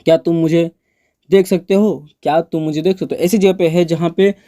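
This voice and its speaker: Slow-drilling male teacher. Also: a little high, steady tone, dark tone. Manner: slow, repeats each sentence for learners. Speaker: English teacher. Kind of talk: spoken English lesson.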